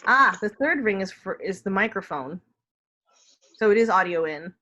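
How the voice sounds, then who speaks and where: A woman's voice: medium pitch, animated, normal speed, sharp tone, highs cut off. Casual woman chatting on a video call. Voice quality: smoker's cough. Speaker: participant in an online get-together. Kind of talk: casual group video chat. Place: indoors on a computer video call.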